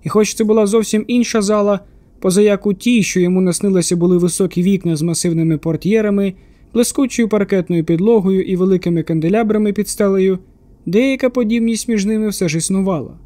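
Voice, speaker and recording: A man reading an audiobook thriller in a steady, measured narration. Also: high voice, no echo.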